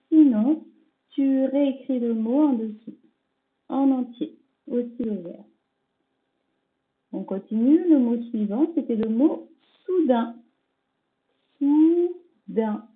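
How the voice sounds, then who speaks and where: A woman teaching young children remotely, slowly sounding out letters and syllables in a gentle, reassuring way. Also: a little high. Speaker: primary school teacher. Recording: tinny phone-like home recording.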